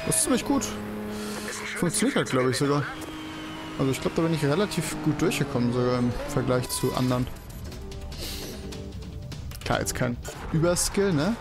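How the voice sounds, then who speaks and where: A young man hosts a let's play, rambling casually as he commentates a racing game, swearing and exclaiming at the track. His voice is medium in pitch with lively intonation and a moderate pace broken by long pauses. Game music plays behind him.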